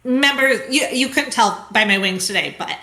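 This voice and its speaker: A woman's voice: on the high side, moderate pace, sharp tone, roomy sound. A woman voicing a sly cat-folk carnival worker, coaxing and hesitant with many fillers.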